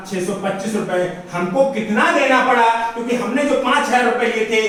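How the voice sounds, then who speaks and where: High-voiced man teaching maths in a big echoing room. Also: fairly bright tone. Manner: repeats questions back to the class, drilling each step. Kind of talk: classroom maths lesson. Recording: roomy echo, far from the mic, faint hiss.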